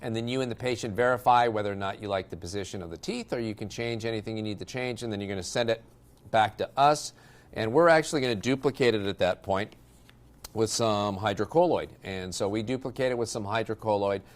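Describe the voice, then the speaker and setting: A middle-aged man, a dentist, walking through a hands-on demonstration in a relaxed, explanatory way with some fillers. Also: on the low side, a little fast. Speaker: dentist and dental lab presenter. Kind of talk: instructional demo talk.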